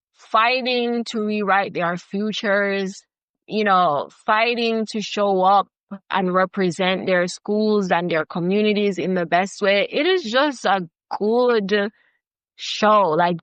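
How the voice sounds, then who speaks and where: A Jamaican-accented filmmaker in her thirties appears as a guest in a passionate conversational interview, speaking earnestly and emphatically with plenty of "like" and "you know." Her mid-range voice is smooth and fairly bright, with no room sound and the high frequencies cut off.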